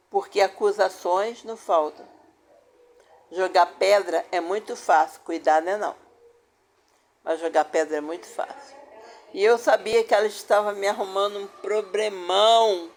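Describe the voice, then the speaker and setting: An older Brazilian woman speaks in an unhurried, deliberate way, giving a personal testimony. She leans on repetition to press each point home, circling back to the same words again and again. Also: medium pitch. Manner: emphatic, repeats phrases for weight. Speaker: woman telling her family story.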